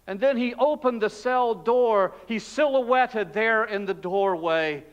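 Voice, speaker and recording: Man acting Barabbas, fearful freed prisoner, slow hushed halting delivery, smooth high voice, dull lo-fi church recording. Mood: tense. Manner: emotional, hushed, halting storytelling. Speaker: pastor performing a dramatic monologue. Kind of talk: dramatic first-person monologue. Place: church sanctuary.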